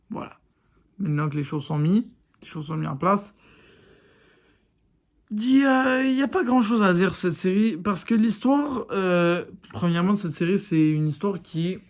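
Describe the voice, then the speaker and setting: A YouTuber reviews a series in a frank, casual video, speaking straight to his viewers, calling them "les gars" and using lots of fillers. His voice sits high with a darkish tone.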